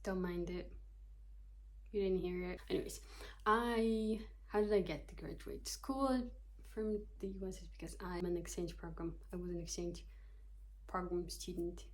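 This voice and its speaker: Her voice is lowish and fairly even, at a normal speed, captured on a rough recording. She's a Kyrgyz psychology student in her twenties making a casual vlog to camera, poking fun at herself and loosely reading from notes.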